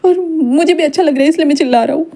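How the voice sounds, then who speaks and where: An excitable young man who stumbles over his words and is easily thrown, voiced by a woman storyteller. His voice sits high, with a soft, mellow tone. The delivery is quick and breathless, like a fan-fiction story read aloud. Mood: flustered. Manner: stammering, excitable. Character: flustered young man, cheeky and easily rattled.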